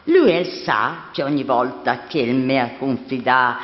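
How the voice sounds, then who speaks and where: A woman's voice: rumbling low, a little slow, voice pushed down. A woman acting a devoted, insistent housekeeper with a Milanese accent, pressing with questions in a theatrical dialect reading. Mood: coaxing. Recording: muffled, echoing hall.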